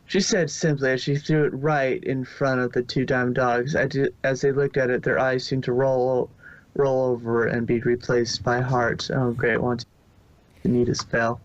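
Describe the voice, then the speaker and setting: A man reads fan fiction aloud from a script, occasionally tripping on a word and repeating it. His medium-pitched voice stays fairly flat at normal speed, with no echo in the dull lo-fi home recording.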